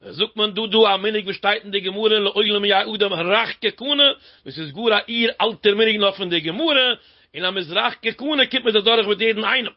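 A man's voice: high-pitched, brisk. A man giving a religious storytelling lecture as a teacher, often repeating key words and phrases. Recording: dull lo-fi recording.

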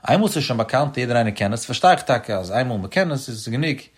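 A man leads a Talmud study lesson, rattling through the text at a brisk clip. His voice sits at an ordinary middle pitch but swings up and down in a sing-song study cadence. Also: expressive, slightly rough. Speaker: religious teacher.

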